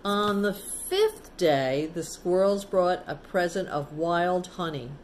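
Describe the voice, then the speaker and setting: A woman with a lowish, sing-song voice reads a children's storybook to kids at a leisurely, teacherly pace. She often stops to chat, explain things simply and ask the listeners questions, while faint noise sits behind her.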